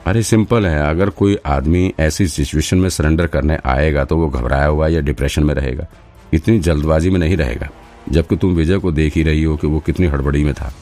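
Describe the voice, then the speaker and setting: A sharp, confident detective, as a man reads him in an audiobook presses a suspect with firm, probing questions. The voice is very deep and dark in tone. Faint music plays behind him. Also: fairly quick. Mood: explaining.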